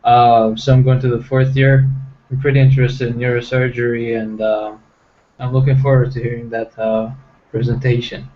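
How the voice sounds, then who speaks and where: A man's voice: mid-range voice, little pitch movement, normal speed. A young man from Egypt, a medical student, introducing himself with hesitant fillers. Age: young adult. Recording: dull online call audio.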